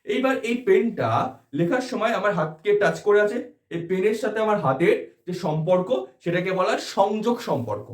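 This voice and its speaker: A man with a Bengali accent gives an exam-prep philosophy lecture, his fairly high voice rising and falling a lot. He explains step by step and keeps checking that students follow. The sound has a noticeable room echo. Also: expressive, fairly quick. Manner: explanatory, asks rhetorical check questions. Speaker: philosophy tutor.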